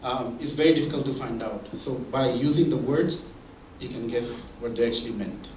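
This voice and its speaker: A man's voice: medium pitch, moderate pace, darkish tone, slight background noise. A man giving a conversational talk at a mentoring event, explaining with examples and frequent restarts. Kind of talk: conversational presentation. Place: meeting room or hall. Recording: echoey room from far off.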